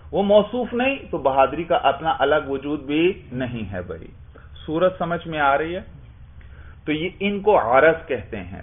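A man teaching a class, explaining step by step and asking his students questions that he then answers himself. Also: on the high side. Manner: explains with repeated questions and answers, often adds "bhai". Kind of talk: classroom lecture. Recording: tinny phone-like sound.

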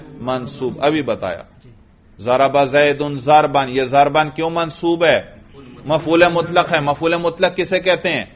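A man's voice: fairly high pitch, fairly bright tone. A male teacher leading a classroom grammar drill, asking questions and answering them himself, chanting the parsing in a sing-song. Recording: dull lo-fi sound.

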